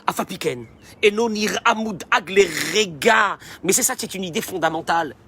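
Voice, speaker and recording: A man giving a sermon as a rabbi, animated and emphatic and speaking straight to his listeners. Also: high-pitched, moderate pace, husky.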